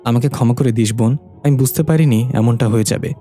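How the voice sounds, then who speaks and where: A man's voice: medium pitch, a little fast, dark tone, faint music behind, natural voice. A man voicing a grieving adult woman who pleads through tears. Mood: pleading. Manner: pleading, tearful. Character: grieving, tearful adult woman, the dead mother's twin sister.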